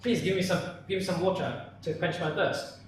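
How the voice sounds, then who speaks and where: A man's voice: high voice, a little fast, lightly acted. A man voicing an impatient young devotee who pleads and complains, in an ordinary storytelling voice. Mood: pleading. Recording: very echoey room, voice from far off.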